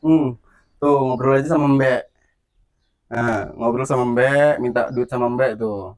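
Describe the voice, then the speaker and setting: Skit lead: a calm, teasing man, average pitch, keeps laughing off the threats. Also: measured pace. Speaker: skit lead and channel host. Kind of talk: amateur skit acting.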